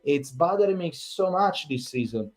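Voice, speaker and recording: A man vents after a bad match, his voice sitting slightly high. He repeats himself and swears, sounding thoroughly fed up. Faint music plays underneath. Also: animated, normal speed, darkish tone. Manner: exasperated, repetitive, swearing. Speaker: fan channel host. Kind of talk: angry post-match reaction rant.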